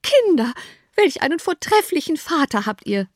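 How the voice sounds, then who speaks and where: A woman voicing a fussy, excitable middle-aged mother in an audiobook, talking in high-strung exclamations. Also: moderate pace, no echo, clean studio sound. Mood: gushing. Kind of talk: audiobook character voice.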